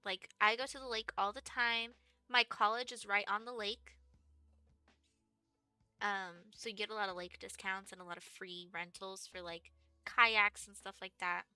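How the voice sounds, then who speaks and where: A woman's voice: mid-range voice, steady tone, normal speed, bright, forceful tone, clear, resonant tone, no room sound, soft background music. A young woman from Texas in her twenties, chatting casually on a livestream and rambling with lots of "like" and "um". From Texas, USA. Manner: rambling, chatty, many fillers like "like" and "um". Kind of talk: casual stream chat.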